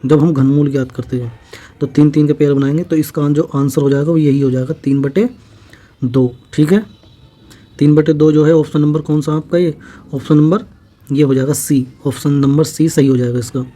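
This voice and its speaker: Here a man with a slightly high, mellow, steady voice teaches exam-prep maths. Every step gets a slow explanation and a repeat, and he questions himself before giving the answer.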